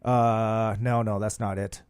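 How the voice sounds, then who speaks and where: A man's voice: on the low side, little pitch movement, takes it slowly, darkish tone, a little hiss or hum. A hungover man hosting a rock podcast in a studio, rambling through casual plugs in a brash, profane, slangy showman's way. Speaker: podcast host.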